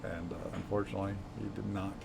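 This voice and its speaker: A man's voice: low voice, little pitch movement, fast talker, creaky, a little mellow, a little hiss or hum. A man co-hosting a sports talk show, chatty and teasing, full of fillers. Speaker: sports radio co-host.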